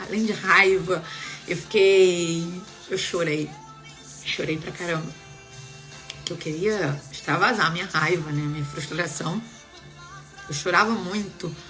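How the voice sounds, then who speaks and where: A young adult woman, casually telling viewers a personal story in an animated, expressive way. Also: fairly low pitch. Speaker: vlogger sharing a personal story.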